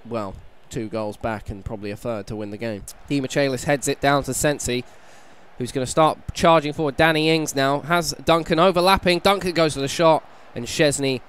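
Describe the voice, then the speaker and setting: A hungover British man giving casual, self-deprecating commentary on a video game playthrough, sounding slightly croaky. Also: medium pitch. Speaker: gaming YouTuber, host. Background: background music.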